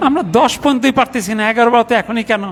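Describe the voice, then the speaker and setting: A middle-aged man teaching a grammar class in a mosque, patiently reciting word forms slowly one by one. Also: extremely high pitch. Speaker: Arabic teacher.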